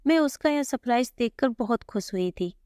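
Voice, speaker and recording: In a fairly high voice, a woman relates a family story from her own point of view, conversational and gentle yet animated, at a normal speed. She doesn't change her tone for the dialogue lines. Close miking gives a dry sound without room echo.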